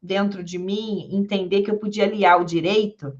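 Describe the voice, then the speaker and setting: A woman, a public defender, giving a lecture and telling stories from her career in a lively way, acting out the people she quotes, with a Rio de Janeiro accent. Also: mid-range voice, normal speed. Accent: Rio de Janeiro Portuguese. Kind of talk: storytelling lecture. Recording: dull lo-fi sound.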